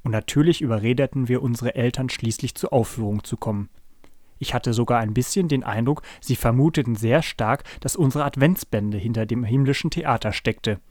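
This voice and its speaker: A man hosting a podcast and reading a children's story aloud in a calm, even way. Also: medium pitch, brisk, no echo, clean studio sound. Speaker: podcast host and story reader.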